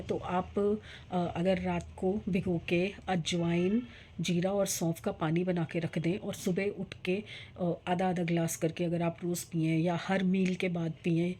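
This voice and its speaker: Middle-aged woman vlogger, low mellow voice, rambling chatty delivery, faint background noise. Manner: rambling, chatty, many fillers. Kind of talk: casual vlog chat.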